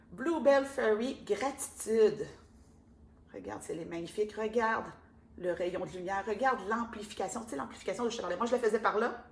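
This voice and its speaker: A woman with a Québécois accent giving a casual oracle card reading, chatty and gentle, with many fillers. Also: mid-range voice, creaky. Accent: Québécois French. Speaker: card reader and spiritual guide. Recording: echoey room with faint ambient noise.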